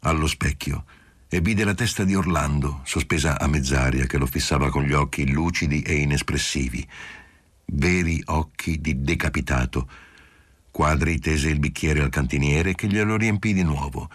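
A man giving steady, measured literary audiobook narration. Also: very deep voice, no room sound.

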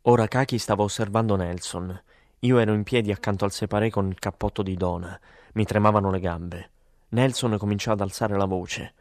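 A man narrating a story as an audiobook, in a calm, measured way. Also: fairly low pitch, dry recording, studio quality.

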